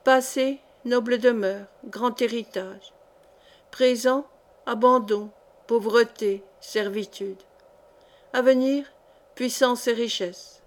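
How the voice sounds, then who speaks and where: A woman's voice: fairly high pitch, fairly even intonation, slow. A woman reading aloud as an old female miller who tells fortunes, commanding and solemn.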